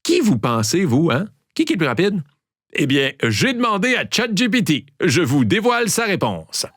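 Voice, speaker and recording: A man with a Québécois accent hosting a show, playfully telling riddles and trivia and repeating each clue slowly. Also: on the high side, wildly swooping pitch, a bit bright, slight background noise. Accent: Québécois French. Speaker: podcast host. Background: background music.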